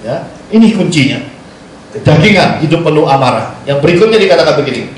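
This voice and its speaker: A man, a pastor preaching a sermon, telling stories with lively quoted dialogue and laughing asides. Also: fairly high pitch, fast. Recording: echoey, far from the mic, faint noise.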